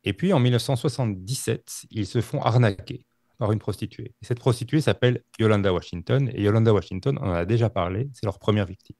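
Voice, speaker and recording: Gravelly low-voiced man. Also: a little mellow, no room sound, studio quality. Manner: halting, many fillers and restarts. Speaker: podcast co-host telling a true-crime story. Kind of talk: casual storytelling.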